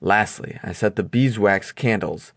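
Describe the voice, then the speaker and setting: A man reading an audiobook aloud in measured first-person storytelling narration. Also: fairly low pitch, creaky, fairly bright tone, dry recording. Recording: dry close studio recording.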